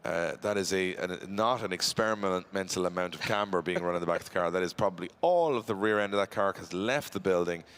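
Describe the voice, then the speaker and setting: A man's voice: sits low, fairly quick, hardly any pauses, a bit bright, smooth. A man giving live drift commentary, chatty and bantering with his co-host.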